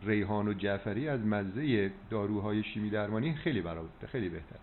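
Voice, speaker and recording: A man giving health advice as a doctor on a phone call, preachy and insistent, checking that he is understood. He is heard over a landline phone line. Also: fairly low pitch. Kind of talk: phone consultation. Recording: tinny phone line with faint hiss.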